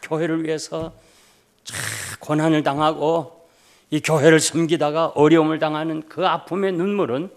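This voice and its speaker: Older Korean pastor preaching emphatically. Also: male voice, mid-range voice. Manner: emphatic, swings between loud urging and soft storytelling. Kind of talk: revival sermon.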